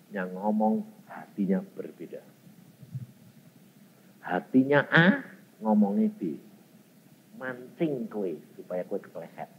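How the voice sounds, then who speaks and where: A man preaching a sermon with a Javanese accent, telling personal stories in an animated way and acting out other people's voices. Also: medium pitch. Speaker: evangelist preacher. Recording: dull recording in a reverberant hall, faint noise.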